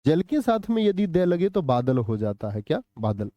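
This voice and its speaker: A man's voice: fairly high pitch, sing-song, normal speed, warm tone, dry recording, highs cut off. A man teaching a live online Hindi exam-prep class, quizzing students with repeated questions and answering chat messages.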